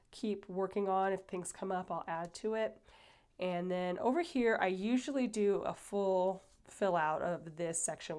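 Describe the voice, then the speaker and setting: A woman hosting a casual planner flip-through, chatty and rambling with many fillers, sounding a little stuffy and breathy. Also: mid-range voice, darkish tone. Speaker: planner channel host.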